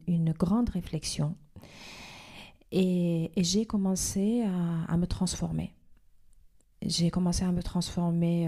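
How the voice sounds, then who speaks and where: A woman in her fifties talks slowly and thoughtfully, often pausing and restarting her sentences. Her voice sits a little low and sounds mellow. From Iran. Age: 50s. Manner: hesitant, many fillers and restarts. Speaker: podcast guest. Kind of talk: reflective interview talk.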